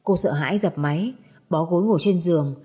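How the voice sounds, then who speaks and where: Mellow, husky woman narrating a story. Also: on the low side, fairly quick. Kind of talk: scripted narration of an audio story.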